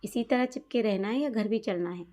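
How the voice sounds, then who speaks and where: A woman's voice: medium pitch, fairly quick, mellow, natural voice. A woman reading as a flirty teasing sister-in-law. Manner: playful, teasing.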